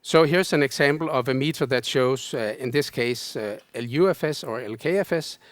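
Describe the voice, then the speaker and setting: Guy explaining tech stuff at a conference, mid pitch, dry close sound. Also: no echo. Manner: explanatory, measured, casual fillers. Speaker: conference presenter. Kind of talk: technical lecture.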